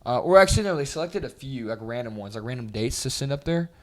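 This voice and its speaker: Young guy on a chill podcast, animated storyteller, does little voices for people. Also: medium pitch, fast. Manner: animated storyteller, acts out voices and hums loudly. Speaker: podcast co-host. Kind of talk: casual chat.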